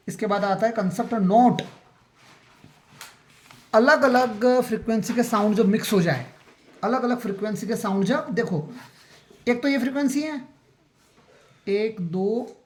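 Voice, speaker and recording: A man's voice: extremely high pitch, slight background noise. A man teaching a school science lesson in a classroom. He counts aloud, quizzes his students and keeps checking that they understand. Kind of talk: classroom lecture.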